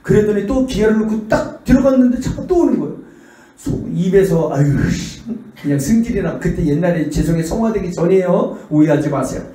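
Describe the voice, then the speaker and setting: A Korean pastor with a high male voice preaches a revival sermon at a quick pace in a church sanctuary, full of storytelling. He's animated and acts out the voices of the characters in his stories. The recording sounds echoey, picked up by a distant mic in the church hall.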